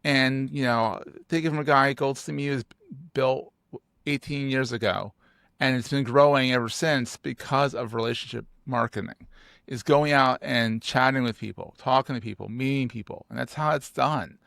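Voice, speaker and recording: A podcast host from Philadelphia, in the United States, chats casually with a guest in a mid-range, gravelly-edged voice at a moderate pace. He's animated, cracks jokes, and repeats words for emphasis. The sound is dry and close, with no echo.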